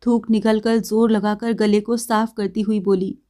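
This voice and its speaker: A woman narrating a story in a measured, unhurried reading. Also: mid-range voice, flat delivery, mellow.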